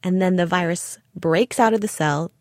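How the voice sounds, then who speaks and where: A woman's voice: on the low side, moderate pace, dry recording, clean studio sound. A woman hosting a children's science show, speaking in a presenting style. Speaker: host.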